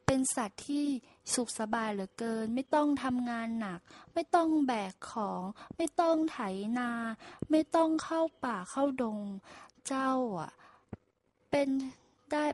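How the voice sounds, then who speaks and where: A woman voicing an envious but kindly male ox in a told fable, speaking in a flattering, sighing way. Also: high voice, measured pace, no echo, pitched above the performer's own voice. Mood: envious flattery.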